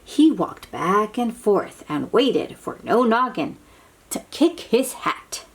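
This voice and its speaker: Reading a picture book to young children, this woman uses a husky mid-range voice, and the recording itself is rough. Her delivery is dramatic, expressive and drawn-out, with hushed moments plus asides and questions aimed at the kids.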